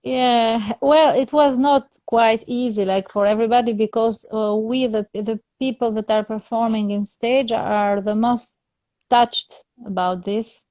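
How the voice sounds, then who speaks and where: A soprano opera singer, speaking as an interview guest, chats casually in English, which is not her first language. She talks slowly and hesitantly, with many fillers and restarts and some soft laughter. Her voice is fairly high with fairly even intonation, and the recording is dry with no echo.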